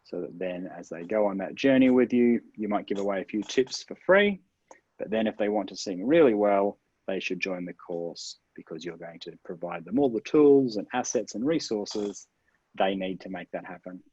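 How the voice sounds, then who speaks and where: A man with a fairly low voice gives interview advice, laying things out step by step and leaning hard on the important words. The sound is dull and dry, with no room echo. He comes across as upbeat and practical. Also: animated, moderate pace, darkish tone, slightly rough. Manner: upbeat, explanatory, stresses key words. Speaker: internet marketing guest expert.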